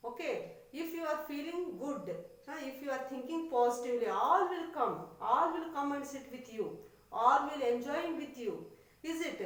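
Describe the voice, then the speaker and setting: A woman teacher, talking to children in a lesson, reading English lines and then explaining them quickly. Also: fairly high pitch, very echoey. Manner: addresses children, repeats lines for emphasis. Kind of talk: classroom lesson explaining a text.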